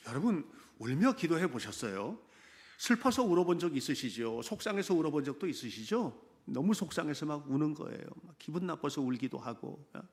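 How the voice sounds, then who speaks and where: A pastor with a voice on the high side delivers a Sunday sermon. His style is lively and conversational, and he regularly asks the congregation direct questions.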